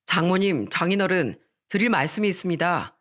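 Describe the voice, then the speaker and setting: A woman's voice: on the low side, lively intonation, a little fast, lightly acted. A woman voicing an earnest, resolute young man who is a doctor-to-be groom.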